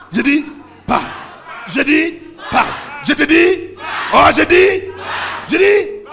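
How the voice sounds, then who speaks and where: A man's voice: extremely high pitch, bright, forceful tone. A man preaching a sermon as pastor, with fervent call-and-response and rhythmic repeated refrains. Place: church service.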